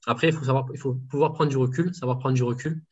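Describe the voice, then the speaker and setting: Man, dietitian interviewee, halting delivery, dull lo-fi call sound. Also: medium pitch, fairly even intonation, a little mellow, breathy edge. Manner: hesitant, many fillers and restarts. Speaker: home enteral nutrition dietitian. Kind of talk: casual interview answers.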